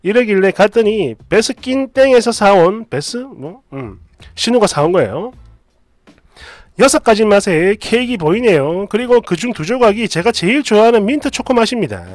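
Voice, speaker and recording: A woman's voice: mid-range voice, animated, moderate pace, darkish tone, no room sound. A woman narrating a reader's story aloud in a chatty, exasperated way.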